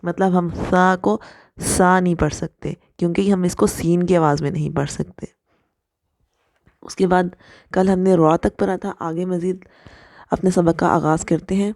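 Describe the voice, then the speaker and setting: A woman with a low, gravelly voice gives a patient recitation lesson. She walks through each letter sound and repeats it to demonstrate. The recording is dry and close. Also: fairly even intonation, a little mellow, no room sound. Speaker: Quran recitation teacher. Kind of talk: step-by-step tajweed lesson.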